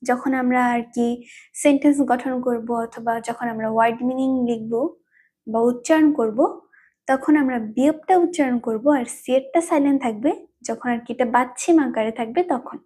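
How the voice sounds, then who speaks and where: Speaking at a normal pace, a woman with a warm, high, breathy, soft-edged voice leads a language lesson. She is patient and repetitive, saying every term several times over so students can follow.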